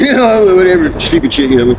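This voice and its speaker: A middle-aged American man with a folksy country drawl, chatting casually in a rambling, halting, profane way. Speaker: homeless interviewee. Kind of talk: casual street chat. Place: outdoors near railroad and traffic. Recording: noisy outdoor recording with traffic rumble.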